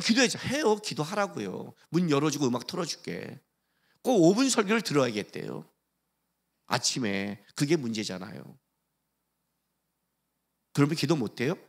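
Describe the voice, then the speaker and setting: Male pastor, high-pitched and very expressive, preaching in a church, full of rhetorical questions. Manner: animated preaching, acting out quoted voices and rhetorical questions. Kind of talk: sermon. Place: church sanctuary.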